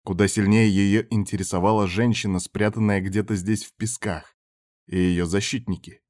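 A man narrating an audiobook chapter in a measured, even reading voice. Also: on the low side, no room sound, clean studio sound.

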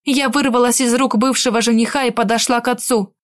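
A woman's voice: fairly high pitch, steady tone, fairly quick, no room sound. Woman narrating a romance audiobook. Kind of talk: first-person scripted narration.

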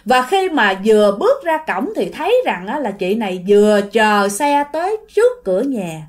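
Woman storyteller, Southern Vietnamese accent, chatty, high and lively voice, talks straight to listeners. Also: normal speed. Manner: chatty, addresses listeners directly. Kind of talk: casual ghost story narration.

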